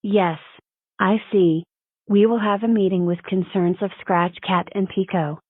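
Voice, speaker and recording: A woman's voice: mid-range voice, fairly even intonation, unhurried, dry recording, narrow, tinny audio, lightly acted. A synthetic-sounding woman voicing a stern, matter-of-fact cartoon schoolteacher with formal delivery. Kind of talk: scripted cartoon dialogue.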